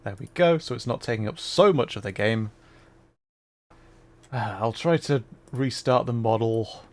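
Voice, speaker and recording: Playing a game on his livestream, this VTuber talks in a relaxed, self-mocking way. He speaks unhurriedly at a medium pitch, with a slightly mellow voice.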